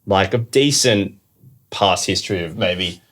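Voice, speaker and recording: Low-voiced man, reflective. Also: a bit bright. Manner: measured, reflective, hedges with "I think". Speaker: podcast co-host. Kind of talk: casual chat.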